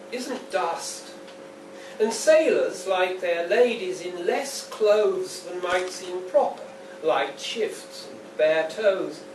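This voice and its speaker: At a live launch event held in an indoor pub, a poet reads his work in public after an informal lead-in, his voice sitting high with a darkish tone. His delivery is deliberate, dry and wry. A distant mic captures the noisy, echoing room.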